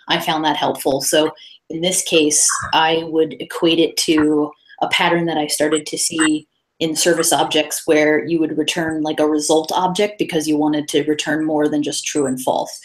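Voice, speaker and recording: A woman whose voice sits low talks informally about coding at a meetup over video call, slides on screen, often restarting and filling pauses. The audio is poor.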